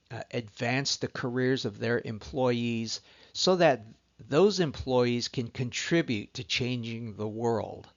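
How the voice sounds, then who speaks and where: A middle-aged Southern Californian man introduces himself as a course instructor in a recorded lecture, sounding measured and earnest and pausing often. His mid-range voice is gravelly and a bit bright, though the audio is dull.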